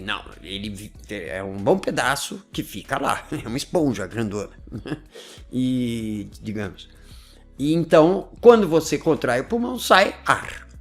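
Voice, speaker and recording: A man gives a relaxed explanatory talk, his voice gravelly with fry. His pitch swings widely as he talks, and soft music plays faintly underneath. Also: normal speed. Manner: chatty, laughs often, keeps checking in with "né?" and "tá?". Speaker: host explaining language learning.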